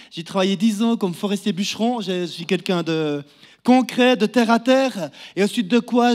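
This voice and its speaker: A man in his thirties with a Neuchâtel Swiss French accent, a down-to-earth guest preacher addressing a church congregation and asking them questions. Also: high voice. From Neuchâtel, Switzerland. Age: 30s. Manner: friendly, down-to-earth, speaks to the crowd with questions. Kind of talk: sermon introduction to a congregation. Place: church hall.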